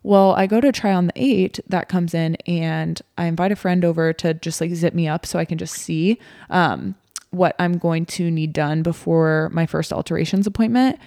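A woman's voice: on the low side, moderate pace, creaky, dark tone, dry recording, clean studio sound. A young woman co-hosting a podcast, telling a story in a chatty, rambling way. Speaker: podcast co-host. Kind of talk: casual chat.

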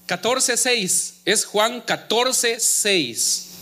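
Male pastor preaching slowly and haltingly, bright ringing voice. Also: high voice, lively intonation. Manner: halting, repeats words and calls out "hermanos". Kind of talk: sermon.

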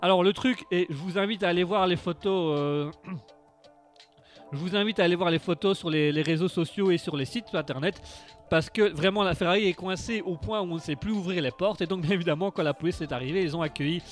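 A man's voice: high voice, fairly quick, soft background music. A man hosting live radio, chatting through the news in a rambling, sarcastic way, full of fillers and restarts. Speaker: radio host.

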